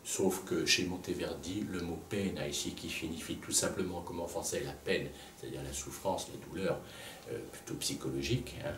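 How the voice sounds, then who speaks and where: A man teaching a music lesson at a blackboard, pausing to think aloud and repeating words to show where the stress falls. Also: sits low. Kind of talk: lecture at a blackboard. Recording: echoey room, voice from a distance, faint background noise.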